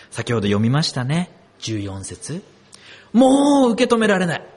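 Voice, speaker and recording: Husky male preacher, high and very animated delivery, storytelling sermon. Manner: expressive storytelling, asks the congregation questions. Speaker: pastor.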